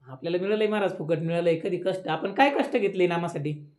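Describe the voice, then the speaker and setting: A man's voice: high voice, fast talker, darkish tone. A man, giving a devotional sermon at a village memorial gathering, talking conversationally and rising into emphatic questions. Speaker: kirtan preacher.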